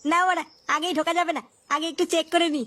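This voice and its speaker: A woman voicing a foul-mouthed, quick-tempered village husband in a comic cartoon, shouting curses. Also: very high-pitched, flat delivery. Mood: scheming.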